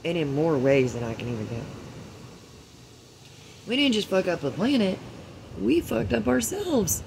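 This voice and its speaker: A man delivering a ranting monologue vlog, swearing heavily and swinging between a hushed murmur and loud outbursts, full of preachy rhetorical questions. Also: fairly high pitch, big pitch swings, moderate pace, a little hiss or hum, rough recording. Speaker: vlogger.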